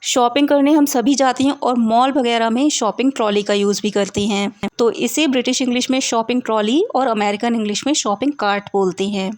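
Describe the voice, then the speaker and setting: A woman teaching English vocabulary to Hindi speakers, explaining each word slowly and clearly with repeated examples. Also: fairly high pitch, steady tone, a little mellow, no echo.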